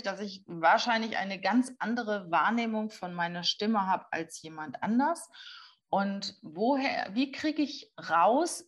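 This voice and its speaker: A woman hosts an interview, asking her guest curious questions and thinking aloud with small hesitations. Her voice is at an ordinary pitch for a woman, plain and conversational.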